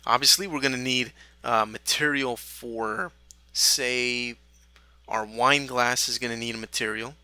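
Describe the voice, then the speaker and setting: A man teaching a software tutorial, talking through each step in a relaxed way with small fillers. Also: medium pitch, unhurried, clear, resonant tone, no echo. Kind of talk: screen-recorded software tutorial.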